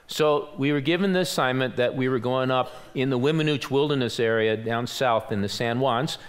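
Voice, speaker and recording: A man's voice: mid-range voice, moderate pace. A man in his sixties preaching a sermon in a church. He tells a story with self-deprecating humor and acts out the voices of the people in it. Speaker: pastor. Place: church sanctuary.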